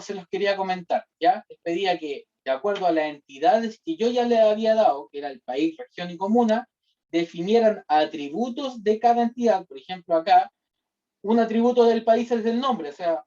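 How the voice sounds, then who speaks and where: A man's voice: sits high, warm tone. Chilean man lecturing from a distance. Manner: explanatory, with constant "¿ya?" and "¿cierto?" checks. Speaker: university lecturer. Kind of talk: online class explanation. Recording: distant, dull lo-fi class recording.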